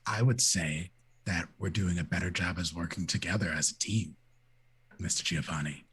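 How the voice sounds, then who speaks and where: A man playing a measured, wary vampire in a tabletop game, with a very husky, breathy, understated voice. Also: low voice, a bit bright, exaggerated voice. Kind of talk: tabletop role-play acting.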